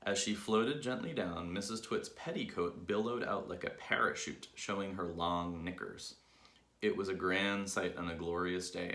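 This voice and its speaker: A man reading a children's book aloud with lively, expressive storytelling, in an echoey room. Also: deep voice, gravelly. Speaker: reader.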